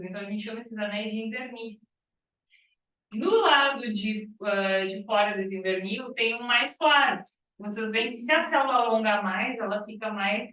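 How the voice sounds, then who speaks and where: A woman's voice: fairly high pitch, sharp tone. Teacher woman in an echoey classroom. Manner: explains step by step with frequent "tá?" and "ó". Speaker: biology teacher. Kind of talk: classroom lecture. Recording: echoey classroom, far from mic.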